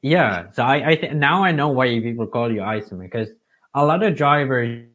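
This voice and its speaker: A man's voice: mid-range voice, expressive, moderate pace, fairly bright tone. A man from Finland co-hosting a casual podcast, asking long, winding, thoughtful questions. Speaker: co-host. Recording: dull lo-fi sound.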